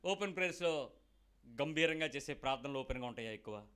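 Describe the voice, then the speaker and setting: A man's voice: mid-range voice, animated, quick pace, fairly bright tone, clear, resonant tone. A man preaching a sermon to a congregation, questioning them directly and acting out short quoted conversations. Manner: acts out short quoted exchanges. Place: church hall with children present.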